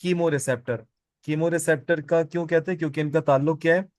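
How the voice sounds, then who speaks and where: A man's voice: on the high side, steady tone, moderate pace, dry recording. A man teaching biology in a classroom, asking his students questions and answering them himself, and repeating the key terms. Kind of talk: classroom lecture.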